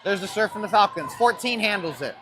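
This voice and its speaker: A man's voice: sits high, lively intonation, a little fast. A man doing casual, chatty play-by-play commentary for a school volleyball match, calling players by name and number. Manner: chatty, cheerful, calls plays by player names and numbers. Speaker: play-by-play announcer for a high school volleyball stream. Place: school gym. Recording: noisy gym audio.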